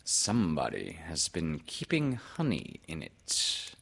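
A man voicing a pompous, self-important owl in a children's storybook, speaking in a deliberate, drawn-out manner. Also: rumbling low, wildly swooping pitch, creaky, fairly bright tone, husky, full character voice. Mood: measured.

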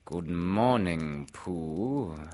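A man voicing Owl as a pompous, self-important bird in a storybook read-aloud, with a deliberate, drawn-out delivery. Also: low voice, expressive, a little mellow, heavily acted. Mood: deliberate, curious.

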